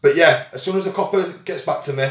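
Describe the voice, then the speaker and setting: A man's voice: fairly high pitch, fast, echoey room. A young man talking informally and hesitantly, often repeating phrases and calling people mate. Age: young adult. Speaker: vlogger on a phone call with police. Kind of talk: conversational phone call, informal. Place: small indoor room at home.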